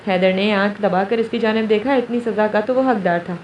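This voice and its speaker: Woman narrator, romance novel reading, steady, dull lo-fi, faint hiss. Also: medium pitch, reverberant, far from the mic. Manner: steady storytelling.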